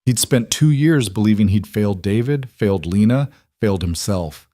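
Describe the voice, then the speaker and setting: A man narrating a romance story in a measured, even way. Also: lowish voice, dry recording, clean studio sound. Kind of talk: scripted narration.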